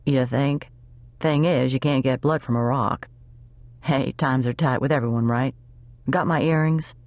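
A gruff, chatty older male mechanic who talks in a folksy, easygoing way, as a woman narrator plays him. The voice sits very low and is recorded close and dry. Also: steady tone, measured pace, darkish tone, no echo. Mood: grumbling.

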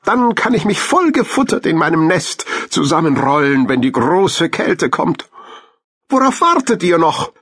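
A man's voice: fairly high pitch, very animated, measured pace, a bit bright, breathy edge, voice pushed up, heavily acted. A man voicing a kind, cheerful female squirrel in a children's audiobook. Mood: friendly. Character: friendly helpful female squirrel.

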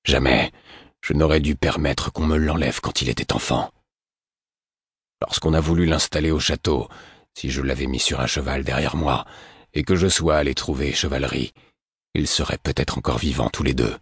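A male narrator voices a gruff stable master, a weary, grieving older man, in an exaggerated, slow, low murmur that's very deep, husky, and hoarse, heavy with sorrow. The tone is steady and slightly bright, and his first language is French. The audiobook recording is dry and close, with no echo.

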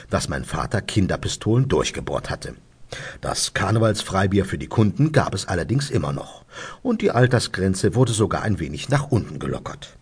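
A man's voice: sits low, darkish tone, breathy edge. A man reading his own comedy stories in a dry, wry way. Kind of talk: comedic storytelling audiobook.

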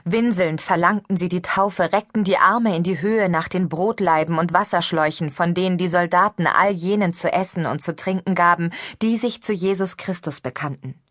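A woman reading an audiobook in steady, even scripted narration. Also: fairly low pitch, normal speed, hardly any pauses, no echo, studio quality. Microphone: studio microphone.

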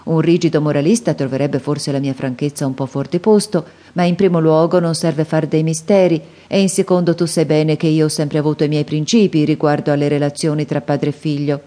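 A woman's voice: low-pitched, fairly even intonation, fairly quick, few pauses, mellow, close to an everyday voice. A woman voicing a kindly, embarrassed middle-aged father who speaks hesitantly and apologetically, in an audiobook. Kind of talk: audiobook character reading.

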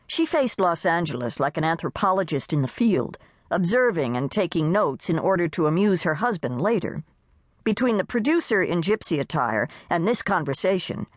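Brief: audiobook woman narrator, wry and animated, dead-dry close mic. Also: low-pitched, normal speed, no echo. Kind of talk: scripted narration.

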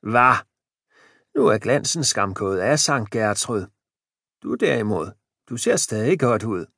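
A man's voice: on the low side, big pitch swings, creaky, fairly bright tone, no room sound, studio quality, full character voice. A man voicing a gaunt, balding old husband who is hearty and good-natured, in an audiobook. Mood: cheery.

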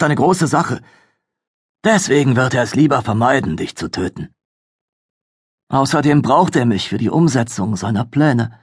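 Audiobook: male narrator playing a reassuring captive younger sister, soft and husky. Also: mid-range voice, no room sound, studio quality, voice pushed up.

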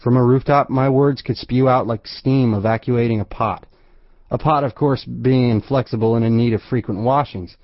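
Guy reading an audiobook, wry and measured, dry booth sound, kinda muffled. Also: medium pitch, fairly even intonation, no echo. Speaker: audiobook narrator. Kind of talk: scripted first-person narration. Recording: dry, slightly dull studio recording.

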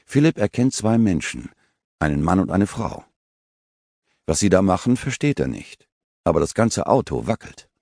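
Male narrator, low gravelly voice, animated telling. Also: normal speed, no echo. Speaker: audiobook narrator. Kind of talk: scripted audiobook narration. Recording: dry studio recording.

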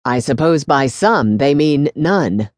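A woman's voice: low voice, lively intonation, takes it slowly, darkish tone, no echo, clean studio sound. A woman narrator voicing a jovial, squat male priest who sighs and jokes at his own expense in an audiobook reading. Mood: exasperated.

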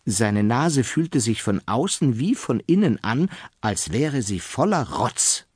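A man reading a children's storybook aloud in a playful, lively way. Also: medium pitch, takes it slowly, slightly rough, no room sound, studio quality. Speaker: audiobook narrator.

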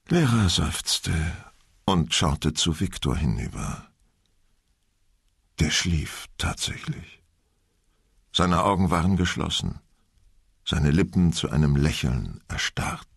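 A man narrating an audiobook in a measured, suspenseful way, recorded close in a studio. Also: low voice, creaky, slightly rough, no room sound. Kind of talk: scripted narration.

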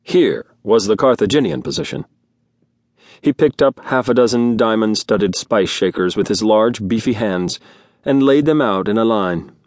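A man narrating an audiobook in a studio in an even storytelling manner. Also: fairly low pitch, moderate pace, dry recording. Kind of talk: scripted narration. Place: recording studio. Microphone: studio mic.

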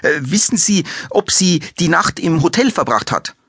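A man's voice: on the high side, very animated, takes it slowly, a bit bright, no echo, clean studio sound, voice pushed up, full character voice. A man voicing a hectic, crude male detective who blurts out his questions, in an audiobook. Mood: blurting.

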